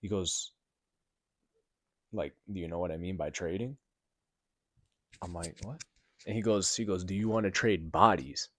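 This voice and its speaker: Alone in a room in his apartment building, a young podcast host still recovering from illness rambles through a story with heavy fillers and swearing, turning loud and animated as he retells a shock. His voice is low and measured with frequent pauses, recorded dry.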